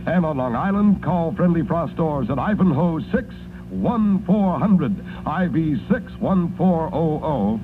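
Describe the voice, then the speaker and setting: A noisy, narrow-band vintage radio recording of an American man doing a chipper 1950s ad. His voice sits fairly high and moves in lively swings through an upbeat sales pitch, like a disc jockey selling on air. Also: measured pace.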